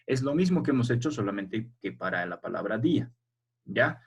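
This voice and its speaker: A man's voice: lowish voice, big pitch swings, normal speed, gravelly, slightly rough, muffled recording. A man teaching a primary school language class over a video call, explaining patiently step by step and checking that the children follow.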